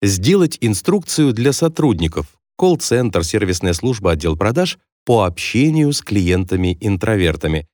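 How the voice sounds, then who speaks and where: A man's voice: on the low side, very animated, measured pace, hardly any pauses, a little mellow, no echo, studio quality. A man reading a business advice book aloud as scripted nonfiction narration, in an instructive, evenly paced manner. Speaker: audiobook narrator.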